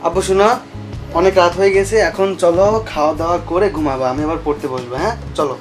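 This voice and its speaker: A man plays a young tutor who gently coaxes a child to eat and go to bed, repeating himself. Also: a little high, fast, natural voice. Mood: coaxing. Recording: music underneath.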